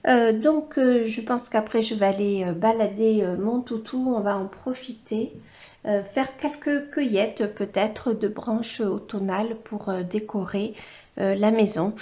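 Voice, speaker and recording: A woman's voice: medium pitch, unhurried, mellow, lo-fi sound. A woman vlogger chatting casually while she colors, hesitant and full of filler sounds, now and then cooing to her dog in baby talk. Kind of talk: casual coloring vlog chat.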